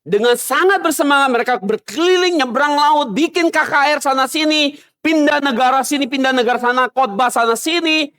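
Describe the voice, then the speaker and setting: A man preaching a sermon as pastor, emphatic and swinging between loud stresses and low murmurs. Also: brisk. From Indonesia. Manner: mocks other preachers in a soft mimicking voice. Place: church.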